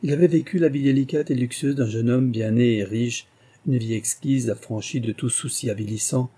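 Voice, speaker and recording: Male narrator, measured literary read, deep mellow tone, husky. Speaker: audiobook narrator. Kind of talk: scripted narration.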